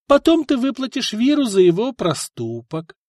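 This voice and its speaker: A man's voice: very high voice, wildly swooping pitch, moderate pace, dry recording, clean studio sound, voice pushed up, heavily acted. A man voicing a proud noblewoman princess who speaks coldly and firmly, in a storybook reading. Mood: icy. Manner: cold, firm, disdainful.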